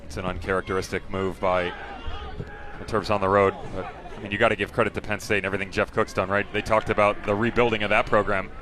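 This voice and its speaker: A man's voice: on the low side, little pitch movement, fast, bright, forceful tone. A man working as a color analyst, giving conversational live soccer commentary. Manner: conversational, with rhetorical questions.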